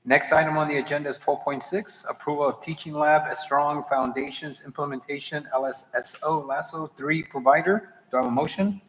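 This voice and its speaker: A man chairing a board meeting, running formal procedure in a brisk, businesslike manner. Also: fairly high pitch, steady tone, fairly bright tone. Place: large echoey meeting room. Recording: echoey hall, clear background noise.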